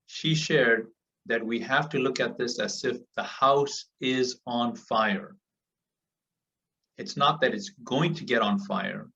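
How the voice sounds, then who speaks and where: Speaking to a group call, an African man delivers earnest motivation, repeating himself to drive each point home. His medium-pitched voice is bright and forceful, with some vocal fry. It comes through as muffled, distant call audio.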